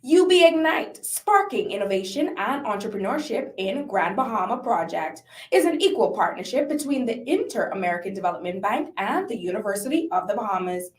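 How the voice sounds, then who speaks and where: A woman's voice: mid-range voice, sing-song, a little fast, hardly any pauses. Upbeat woman announcer, roomy sound. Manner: upbeat, enunciated ad read. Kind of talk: scripted promotional announcement. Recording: echoey room.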